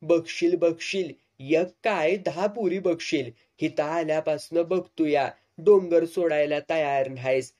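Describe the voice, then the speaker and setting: A blunt, earthy older village man, voiced fairly high by a male storyteller. He scolds and teases in plain rustic speech, wary of trouble. He sits close to the narrator's own storybook voice. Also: measured pace, hardly any pauses, a little mellow, lightly acted. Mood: scolding, teasing.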